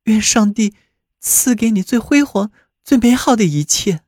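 A happy young bride from a storybook, given voice by a man narrating. He pitches her well above his own reading voice, bright with tender joy. The sound is close and dry, and the melody swings widely. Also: animated, a little slow, no echo. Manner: raised higher voice.

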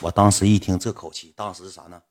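A man's voice: deep voice, fast talker, a little hiss or hum. A man with a Northeastern Mandarin accent telling a personal story in casual, colloquial speech, repeating phrases as he goes. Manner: colloquial, repetitive, animated retelling.

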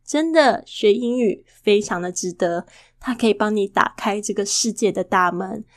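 A woman hosting a casual podcast lesson, chatty and full of rhetorical questions, who slowly models English words and repeats them. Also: mid-range voice, no room sound, clean studio sound. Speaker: English teacher and podcast host.

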